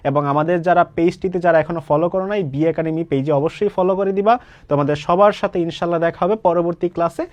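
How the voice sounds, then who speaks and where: A man's voice: fairly high pitch, fast talker, darkish tone, no room sound, dull audio. A young man from Bangladesh teaching an exam-prep grammar lesson, explaining step by step and asking and answering his own questions.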